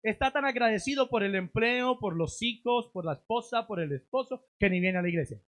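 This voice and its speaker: A man preaching a sermon as a pastor in a church, rising to loud emphatic lines and then dropping to low, drawn-out endings. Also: expressive. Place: church sanctuary.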